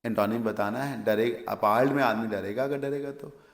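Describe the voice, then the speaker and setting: Gravelly Indian male English teacher. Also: mid-range voice, moderate pace, reverberant. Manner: explains word meanings step by step, asks and answers his own questions. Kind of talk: exam vocabulary lesson.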